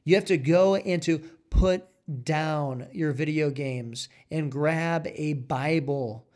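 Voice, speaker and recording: Fiery preacher man, higher-pitched voice. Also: slow. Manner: forceful, repetitive exhortation with rising emphatic peaks. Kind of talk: fiery sermon.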